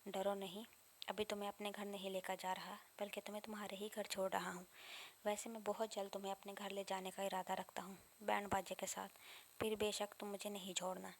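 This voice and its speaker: A woman's voice: medium pitch, flat delivery, slight background noise, lightly acted. A woman reading a brash, teasing young policeman. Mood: self-assured. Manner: teasing and self-assured. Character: brash confident young male police officer suitor.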